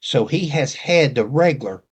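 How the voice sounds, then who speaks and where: A man's voice: mid-range voice, expressive, normal speed, breathy edge. A man with an Appalachian accent hosting a casual, rambling talk to viewers and reading messages aloud. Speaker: host.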